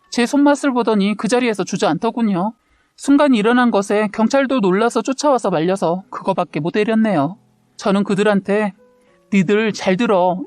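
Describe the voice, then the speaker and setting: Woman storyteller, steady and confessional; dry close sound, soft music underneath. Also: on the high side, no echo. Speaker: story narrator. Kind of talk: read-aloud true story narration.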